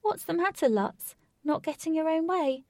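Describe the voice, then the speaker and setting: A woman's voice: medium pitch, normal speed, dark tone, no room sound, studio quality, natural voice. A woman voicing a defiant, brave young girl heroine in a storybook reading. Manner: defiant, spirited, raised voice.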